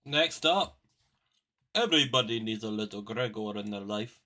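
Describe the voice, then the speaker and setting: Guy hosting a ranking stream, bright forceful voice, chill slangy talk, calls the votes. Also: lowish voice, animated, normal speed. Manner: leads the votes, laid-back slang. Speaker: ranking host. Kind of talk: casual gaming chat. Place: home streaming setup.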